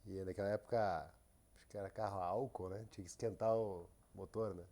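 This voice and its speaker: A man from who runs a company, speaking as a podcast guest in a relaxed, halting way with many restarts. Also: sits low. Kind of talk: casual interview.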